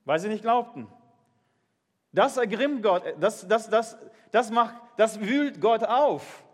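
A man's voice: sits high, expressive, slow, long reverb tail. A man preaching a sermon, reading Bible verses and putting earnest questions to his congregation. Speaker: pastor.

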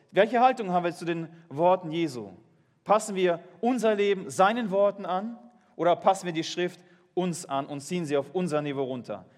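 A man with a notably high voice delivers a sermon, reading scripture aloud and explaining it. He speaks earnestly and often turns questions back to his listeners. The sound rings out with a long reverb from a church hall. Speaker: pastor.

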